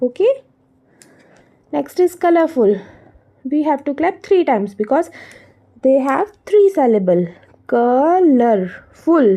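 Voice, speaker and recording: Teaching young children from a workbook, a woman with an Indian accent alternates between Hindi and English, asking questions and supplying the answers herself. Her voice is high-pitched and mellow, that of a primary school teacher.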